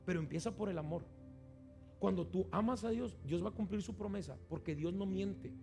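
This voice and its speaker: A pastor preaching a sermon, acting out quoted voices with animated delivery. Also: male voice, sits high, brisk, gravelly, soft background music.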